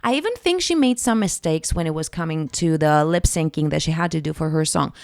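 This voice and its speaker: A young Greek woman, herself a singer, ranks song contest entries on her vlog in a casual reaction chat. Her low voice moves a little fast, and she gushes expressively, repeating words, over clean studio sound with no room noise.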